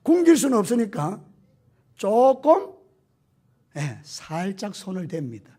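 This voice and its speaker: A man with a high, husky voice preaches a Sunday morning sermon. His pitch swings widely as he turns to the congregation with questions and answers them himself. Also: sing-song, slow pace, warm tone. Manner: addresses the congregation directly with questions; acts out quoted voices. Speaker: pastor. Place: church sanctuary.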